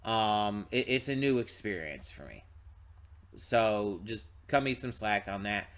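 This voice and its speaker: A man's voice: lowish voice, lively intonation, a little slow, a bit bright. A man hosting a reaction channel, talking casually and rambling with frequent restarts while tired and yawning. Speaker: channel host. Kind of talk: casual pre-reaction talk to camera.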